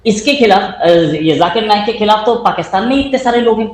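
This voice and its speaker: A man with a fairly high voice talks through politics in a relaxed, conversational way. He reads viewer comments aloud and laughs easily. His voice bounces around a roomy space. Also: quick pace, a little hiss or hum. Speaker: co-host of a political talk show. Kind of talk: casual political discussion.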